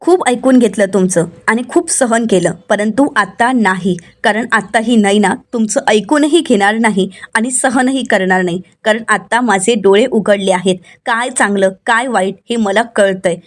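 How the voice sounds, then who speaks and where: A woman voicing an angry young wife who slowly and firmly scolds her in-law. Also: mid-range voice, natural voice. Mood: indignant.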